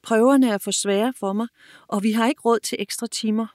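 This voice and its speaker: A woman voicing a gentle, modest eleven-year-old boy in a children's audiobook, speaking softly. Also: a little high, steady tone, dry recording, clean studio sound, lightly acted. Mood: calm.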